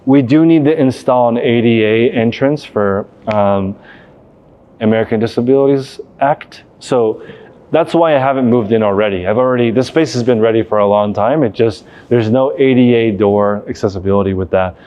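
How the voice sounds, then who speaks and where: At a moderate pace, a medium-pitched male voice leads an unscripted tour of a large, vacant warehouse. He's a vlog host who runs a reselling business, and the sound is lo-fi.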